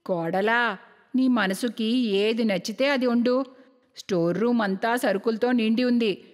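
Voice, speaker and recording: A woman's voice: on the high side, measured pace, big-room sound, voice pushed down, close to an everyday voice. A woman voicing a stingy, bossy middle-aged mother-in-law who scolds and mocks in a cartoon story. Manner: scolding, sarcastic.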